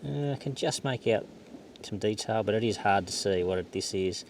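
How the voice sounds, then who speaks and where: A man's voice: fairly low pitch, moderate pace. A man giving a laid-back, understated running commentary outdoors on a beach, half talking to himself as he searches, in the casual way of a hobby vlogger. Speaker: metal detecting vlogger. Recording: clear outdoor background noise.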